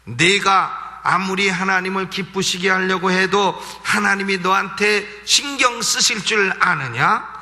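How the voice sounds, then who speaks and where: A man's voice: high-pitched, a little slow, hardly any pauses, sharp tone, heavily acted. A man voicing a taunting male devil who sneers scornful questions. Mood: mocking. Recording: long church reverb.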